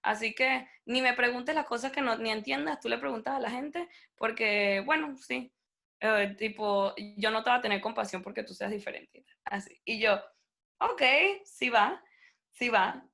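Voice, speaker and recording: Her voice sits a little high and creaky, moving at a moderate pace. She's a young woman, Spanish by native tongue, chatting as an interview guest and bringing the characters in her story to life with casual energy.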